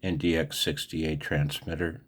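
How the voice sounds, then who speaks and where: A man in his sixties from the United States, rambling emotionally in a casual video message, halting with many ums, recorded on a phone held in his hand. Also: rumbling low, flat delivery, breathy edge. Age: 60s. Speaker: amateur radio vlogger.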